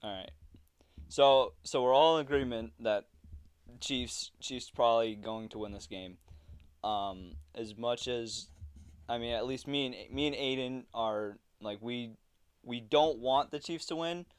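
A young man leads a relaxed football chat, loose and joking and quick to laugh. His voice is smooth and clear, sitting at an ordinary pitch for a man. He keeps it light and easygoing throughout. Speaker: podcast host. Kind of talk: casual sports chat.

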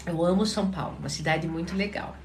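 A woman from Paraná with a Curitiba accent, a therapist calmly answering viewers' questions in a live chat, sounding tired. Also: on the low side, fast, echoey room, slight background noise. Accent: Curitiba Portuguese. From Paraná, Brazil. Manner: calm, advising, often checks in with listeners.

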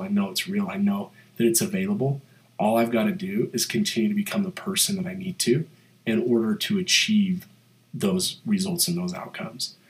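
A man hosts a podcast on his own, and his fairly low voice has a nasal tone from a cold. He speaks in a motivational, pep-talk way and often fills pauses with "like" and "um". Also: rough recording. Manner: motivational, with many fillers like "like" and "um". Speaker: podcast host. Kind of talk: solo podcast monologue.

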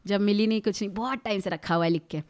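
A young woman in her twenties, a rapper guest on a podcast, telling a story in an animated, laughing way. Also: mid-range voice, fast. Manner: animated, laughs often, mixes Hindi and English. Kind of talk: casual storytelling chat.

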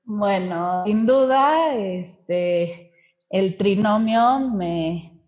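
A woman's voice: mid-range voice, drawn-out words, lo-fi sound. A woman talking casually as an interview guest on a podcast. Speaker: podcast guest, Montessori educator.

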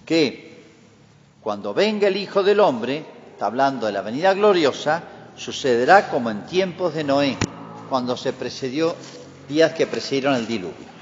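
A male priest reading the Gospel and preaching a homily in a measured liturgical cadence with emphatic rises, his voice ringing with long church reverb. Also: mid-range voice, animated, highs cut off, a little hiss or hum. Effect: long cathedral-like church reverb. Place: large church.

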